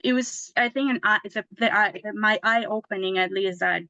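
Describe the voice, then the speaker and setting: A woman's voice: mid-range voice, moderate pace, pushed and bright, no room sound, highs cut off. A woman, a lawyer telling her story in a casual interview, chatty with many restarts and tag questions. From Mexico. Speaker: guest lawyer.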